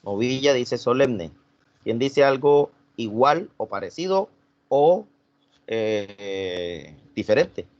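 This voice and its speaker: A man's voice: mid-range voice, expressive, slow pace, a little mellow, dry recording, highs cut off. A man teaching an online class, repeating himself and questioning students.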